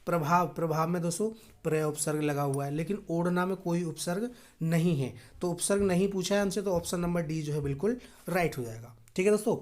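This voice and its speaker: A woman teaching an exam-prep grammar lesson, calling viewers friends and answering her own questions. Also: a little fast. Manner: drops low and soft on key answers.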